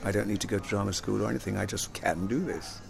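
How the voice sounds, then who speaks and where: Speaking fast with vocal fry in a voice on the low side, an older actor and singer reminisces in a relaxed interview. Born in Jamaica and raised in London, he rambles, repeats words, and laughs often.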